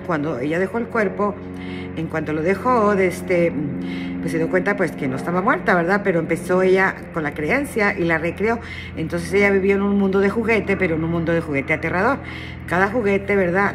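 A woman gently telling a spiritual story in casual talk, often adding "¿verdad?". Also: on the low side, background noise. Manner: gentle and tender, with many "¿verdad?" tags and restarts.

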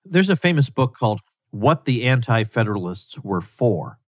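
A male podcast host with a mid-range voice, asking articulate, measured questions. His voice is recorded very close and dry, with no room sound. He speaks in a plain interview manner. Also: mid-range voice, big pitch swings, dry recording. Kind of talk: interview questions and sponsor read.

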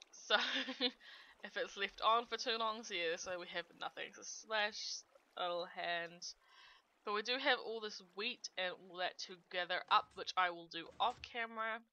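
A woman's voice: mid-range voice, sharp tone, muffled recording. A woman giving chatty let's play commentary on her gameplay, giggling often and narrating each click. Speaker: gaming channel host.

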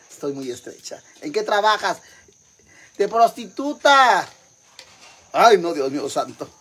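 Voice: medium pitch, gravelly, a bit bright, a little hiss or hum. A performer voicing a crude, boastful Mexican mother with a Mexican accent, rambling gossip to her sisters in a comic monologue.

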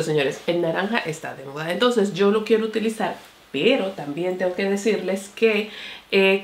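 Chatty woman beauty vlogger, echoey room. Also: fairly low pitch. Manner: chatty, addresses viewers as señores and mi amor. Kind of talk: casual makeup review to camera.

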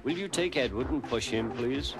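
A man's voice: mid-range voice, lively intonation, moderate pace, creaky, over loud music, voice pushed up. A man voicing a polite male railway porter who calls out a request. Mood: urgent. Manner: calling out, polite.

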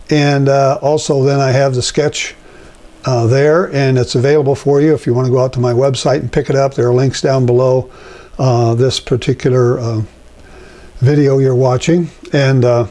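Older man teaching painting, mellow voice. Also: medium pitch. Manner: rambling, relaxed, many fillers and restarts. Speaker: painting instructor. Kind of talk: casual painting demonstration. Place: home painting studio at an easel. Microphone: lapel mic.

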